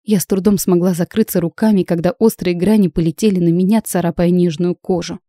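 A woman reads a first-person fantasy novel aloud with expressive storytelling. Her voice is mellow and warm, recorded close and dry with no room sound. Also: lowish voice, a little fast, no room sound. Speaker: audiobook narrator.

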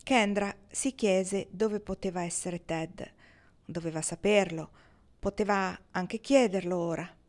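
A woman narrating a novel as an audiobook reader, measured and expressive. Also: fairly low pitch.

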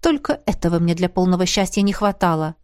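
A woman's voice: lowish voice, expressive, fast talker, a little mellow, smooth, no room sound, studio quality. Woman narrating a fantasy audiobook. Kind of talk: scripted first-person narration.

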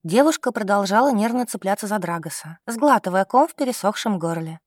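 A woman reading a romance novel aloud, telling the story in an even, gentle manner. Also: medium pitch, brisk, no echo, clean studio sound. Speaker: audiobook narrator. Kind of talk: scripted romance narration.

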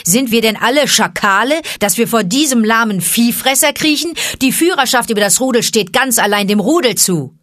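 A woman's voice: on the low side, a little slow, breathy edge, no echo, clean studio sound, exaggerated voice. A woman voicing a defiant jungle boy. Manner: defiant calling out, lively. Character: bold wild boy raised by wolves. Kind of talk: audiobook character voice.

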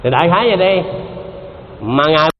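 This Buddhist teacher speaks a little fast in a fairly high, animated voice. His dharma talk is conversational, full of repetition and questions put to the audience, captured in a faintly noisy, muffled lo-fi hall recording.

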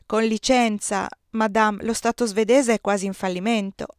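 A woman reading the part of a young, eager male count, loud and formal. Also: mid-range voice, steady tone, normal speed, smooth, no room sound, studio quality, natural voice.

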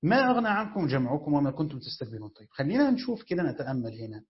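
A man's voice: fairly high pitch, sing-song, very fast. A man with an Egyptian accent teaching a classroom lesson on Quran exegesis, quizzing listeners and then answering his own questions. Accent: Egyptian Arabic. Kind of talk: classroom lesson, explaining grammar. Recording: dull lo-fi recording.

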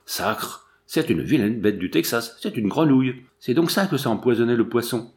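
A man's voice: mid-range voice, lively intonation, moderate pace, close to an everyday voice. A man doing a cursing French voyageur. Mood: disgusted.

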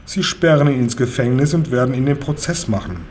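A man's voice: medium pitch, fairly quick, a little mellow, a little hiss or hum, lightly acted. A man doing a pompous police sergeant. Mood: assured. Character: pompous middle-aged male police sergeant.

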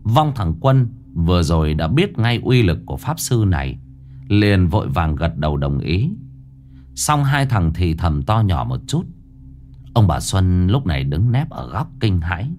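A man narrating a ghost story in a dramatic, expressive way. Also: low-pitched, a little slow.

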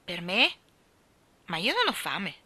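A woman's voice: fairly low pitch, wildly swooping pitch, slow pace, sharp tone, husky, heavily acted. A woman voicing a spoiled, haughty little girl who answers curtly and coldly in a storybook reading. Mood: cold, sulky. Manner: curt, cold replies.

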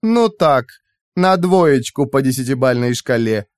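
A man's voice: mid-range voice, sing-song, a little slow, dry recording, clean studio sound. A man voicing a cold, sarcastic female artificial intelligence with a honeyed, mocking manner.

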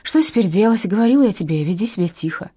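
A woman voicing a sharp, bossy female detective writer who gives terse, hushed commands. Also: mid-range voice, animated, fast talker, husky, no room sound, clean studio sound. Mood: curt, bossy.

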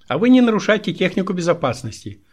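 A man reading a brisk young female laboratory worker, raising his voice for her. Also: mid-range voice, close to an everyday voice. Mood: reproachful.

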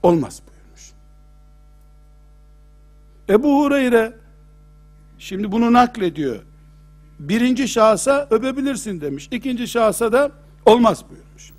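A man's voice: extremely high pitch, sing-song, unhurried, long pauses. A middle-aged man preaching a sermon, emphatic, posing rhetorical questions and retelling old stories. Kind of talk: sermon lecture.

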